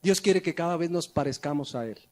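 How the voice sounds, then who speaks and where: High-voiced preaching man. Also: brisk. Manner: preaching with rhetorical questions and sudden drops in volume. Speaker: pastor. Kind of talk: sermon. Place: church.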